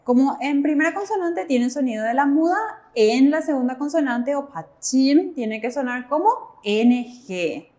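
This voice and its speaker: High-voiced woman teacher explaining patiently. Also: expressive, moderate pace, few pauses, warm tone. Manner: patient, explains by asking and answering her own questions. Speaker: Korean language teacher. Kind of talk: step-by-step classroom explanation.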